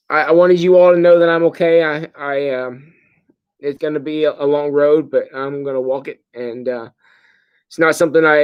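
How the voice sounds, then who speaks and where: A middle-aged man, a pastor, giving a casual livestream update in a sedated, halting, groggy way. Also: a little high, clear, resonant tone. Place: hospital room.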